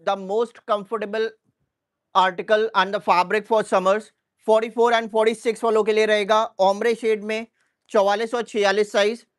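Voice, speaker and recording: High-voiced man pitching clothes live. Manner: repeats sizes and prices in a brisk listing rhythm. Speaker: live shopping seller.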